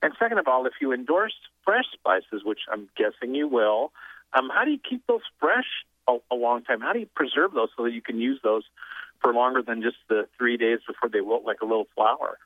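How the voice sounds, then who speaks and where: A man's voice: medium pitch, animated, fairly quick, dry recording. A man calling in to a talk show, asking questions with a hesitant manner and many restarts, heard over a phone line. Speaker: caller. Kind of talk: phoning in to a radio show.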